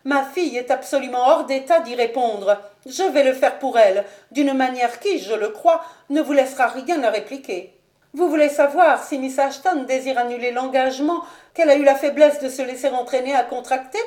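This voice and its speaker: Woman putting on a haughty lady of the house, high and sharp, kinda echoey room. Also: normal speed, natural voice. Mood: imperious. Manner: sharp, raised, imperious. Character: haughty domineering noblewoman mother, shrill and triumphant.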